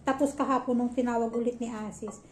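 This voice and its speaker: High-voiced woman telling family gossip. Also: fast. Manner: animated, gossipy retelling with quoted dialogue. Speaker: vlogger. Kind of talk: casual storytelling vlog. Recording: roomy room with faint background noise.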